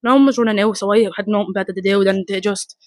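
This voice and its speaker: A woman with a Dublin accent giving a blunt, rapid, emotional first-hand account, swearing and re-enacting her shouts, outdoors in front of her home. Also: mid-range voice, steady tone, no echo. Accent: Dublin Irish. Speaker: mother telling her story.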